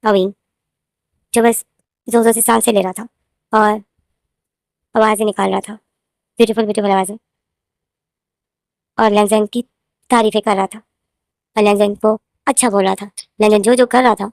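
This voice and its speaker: With long pauses and fairly even intonation, a woman speaks at normal speed in a mid-range, slightly mellow voice. She's a fanfiction author with a sore throat, casually retelling her own story to her viewers, rambling, repeating names and phrases, and calling them "guys." The recording is clean studio sound without echo.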